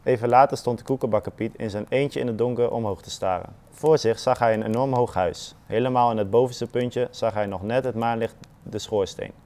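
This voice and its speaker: A man reading a children's story aloud in a calm, unhurried storybook manner, with soft muttered asides. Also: mid-range voice.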